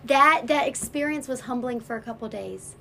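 A woman sharing a heartfelt faith testimony as a guest, halting and restarting as she speaks. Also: high voice, gravelly, crowd noise. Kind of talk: emotional personal testimony.

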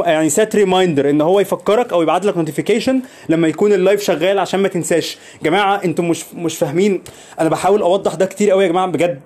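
A young man with an Egyptian Arabic accent hosts a motivational podcast, speaking earnestly and repeating phrases for emphasis. His voice is high-pitched with a darkish tone.

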